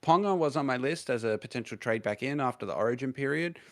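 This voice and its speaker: A man's voice: medium pitch, expressive, quick pace, a bit bright, no echo, clean studio sound. An Australian man co-hosting a podcast, chatting casually about sport over a call. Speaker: fantasy rugby league podcast co-host.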